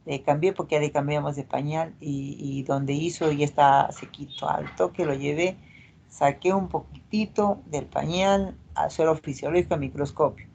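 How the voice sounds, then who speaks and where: A woman's voice: deep voice, fairly even intonation, normal speed, creaky, mellow, highs cut off, slight background noise. A middle-aged woman doctor, lecturing a class and checking in with tag questions. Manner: explanatory, frequent tag questions.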